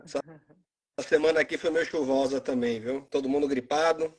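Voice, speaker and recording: A man in his forties from Salvador with a Bahian Brazilian accent, chatting casually as a guest on a live video call and pausing often with fillers. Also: mid-range voice. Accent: Bahian Brazilian Portuguese. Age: 40s. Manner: relaxed, halting with frequent fillers. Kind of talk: casual live stream chat. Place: at home in Salvador.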